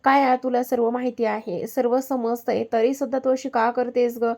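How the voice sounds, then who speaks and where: A woman's voice: on the high side, level tone, moderate pace, gravelly, a little mellow. A woman reading as a teasing young fiancé. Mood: firm.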